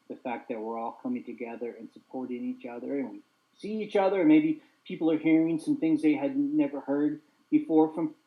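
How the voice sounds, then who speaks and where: A young man hosts a casual group chat, speaking earnestly and openly while stuttering visibly on repeated sounds. His mid-range voice is creaky and narrow, and the audio is tinny.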